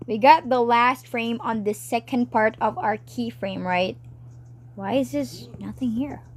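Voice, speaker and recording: A woman talking to herself while animating on a tablet, rambling, cheering herself on and breaking into excited outbursts. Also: fairly high pitch, a little slow, slight background noise. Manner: rambling, self-encouraging, chatty with sudden excited outbursts. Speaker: animator narrating her work. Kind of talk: casual talk while drawing.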